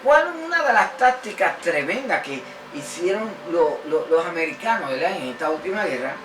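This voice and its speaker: A woman's voice: lowish voice, sing-song, moderate pace. A woman teaching a Bible lesson on internet radio, emphatic and often asking her listeners questions. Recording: roomy echo from a distant mic, faint music.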